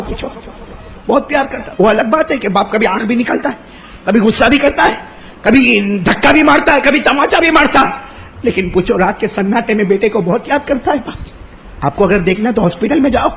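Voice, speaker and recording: A man preaching a sermon, telling a story in an animated way and calling out questions for the audience to answer. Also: sits high, gravelly, a little hiss or hum, low-quality recording. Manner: chants Arabic verses in a drawn-out melodic recitation. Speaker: Islamic preacher.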